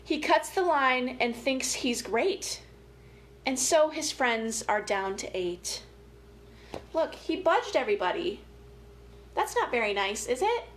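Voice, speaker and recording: Hosting an interactive story time for children, a woman who works as a family educator speaks in a high voice with big pitch swings, slowly and with frequent pauses. She's playful, informal and encouraging. The room is echoey, with light background noise.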